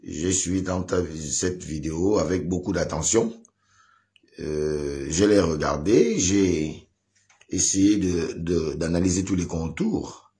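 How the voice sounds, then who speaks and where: A man's voice: low voice, slow, dark tone. A man giving advice in a live video, hesitant with many fillers, growing emphatic. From Gabon. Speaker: online commentator giving advice.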